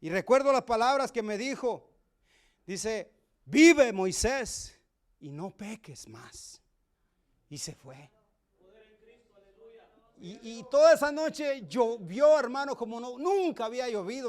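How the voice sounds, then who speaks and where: A man preaching a sermon testimony, moving between hushed and loud, emotional delivery. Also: sits high, moderate pace.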